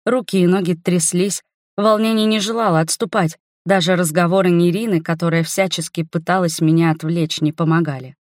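Low-voiced woman reading an audiobook. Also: no room sound, clean studio sound. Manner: measured, expressive first-person narration. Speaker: audiobook narrator. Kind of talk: scripted audiobook narration.

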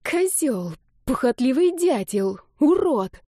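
A woman voicing an indignant young woman who hisses insults and snaps into shrill outbursts. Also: lively intonation, unhurried, dark tone, dry recording, clean studio sound. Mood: furious.

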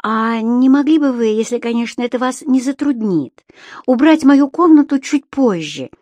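Woman doing a timid meek gentleman lodger. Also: sits high, big pitch swings, moderate pace, no echo, pitched above the performer's own voice. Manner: timid, hesitant, polite.

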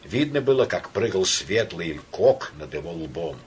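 A man narrating an audiobook with a lively, dramatic reading. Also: low voice, unhurried, breathy edge.

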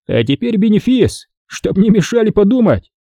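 A man's voice: high voice, very animated, moderate pace, dry recording, voice pushed up, exaggerated voice. A man doing a brash young soldier under fire. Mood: cocky. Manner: shouted, brash quips.

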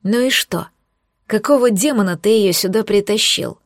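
A woman's voice: moderate pace, no echo, clean studio sound, natural voice. Woman doing a mocking defiant young maid. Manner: mocking, scoffing, raised pitch.

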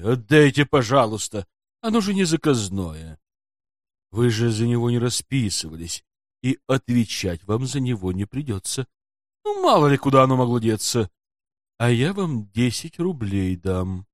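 A man's voice: medium pitch, very animated, a little slow, dry recording, clean studio sound. A man voicing an anxious middle-aged detective who talks in a fussy, wheedling, melodramatic way in an audiobook. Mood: pleading. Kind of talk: audiobook character voice.

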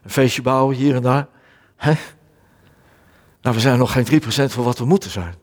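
A Dutch man preaching a sermon, stumbling and repeating words, reading scripture aloud with rising emphasis. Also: mid-range voice. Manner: halting, repeats words often. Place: church hall. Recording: long hall reverb.

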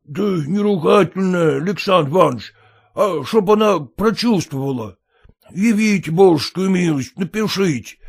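A man voicing an illiterate, clumsy peasant who pleads in rustic, halting speech with fillers. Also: high-pitched, animated, creaky, slightly rough, pitched above the performer's own voice, full character voice. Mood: pleading.

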